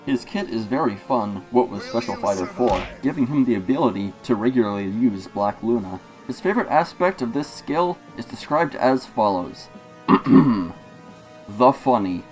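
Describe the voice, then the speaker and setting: A man's voice: mid-range voice, expressive, darkish tone, faint music behind, close to an everyday voice. Man playing a formal knight muffled inside a helmet. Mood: courteous, formal. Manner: formal, polite, measured announcing. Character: courteous formal armored male knight speaking from inside a helmet. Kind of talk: in-character scripted message.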